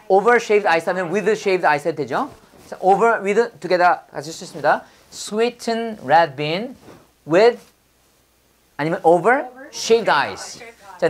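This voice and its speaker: A woman leads an English vocabulary drill lecture at an unhurried pace. She says each word again and again and has her students repeat it after her. Every so often she throws in a corny pun. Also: medium pitch. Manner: repeats words and prompts the class to echo them; drops in corny pun jokes.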